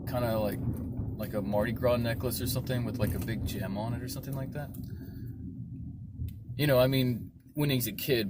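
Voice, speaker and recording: A man loosely talks through a story idea, circling back with fillers and asides as he goes. His voice sits in the middle range. Heavy road and engine noise from a moving car runs under everything he says. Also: mid-range voice. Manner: loose and rambling, full of fillers like "you know what I mean". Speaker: writer pitching a story idea. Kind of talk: casual rambling retelling. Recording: loud vehicle noise behind the voice.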